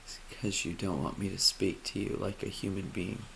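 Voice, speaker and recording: A man speaking a personal monologue, halting and emotional, often dropping to a near whisper. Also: sits low, little pitch movement, creaky, fairly bright tone, a little hiss or hum. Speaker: vlogger.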